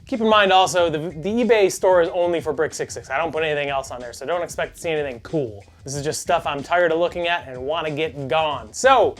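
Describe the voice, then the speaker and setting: A man's voice: on the high side, brisk, hardly any pauses. A man hosting a casual sneaker unboxing vlog from home, with goofy, self-mocking asides. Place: home in Chicago.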